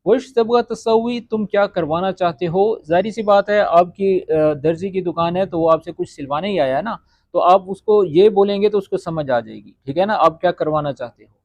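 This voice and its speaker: A man with a fairly high voice teaches everyday Arabic phrases, saying each phrase slowly and checking in with his viewers. The recording is close and dry, with no room sound. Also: a little mellow, no room sound, highs cut off. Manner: repeats Arabic phrases slowly, often asks "ٹھیک ہے؟". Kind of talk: spoken-Arabic lesson, explaining phrases.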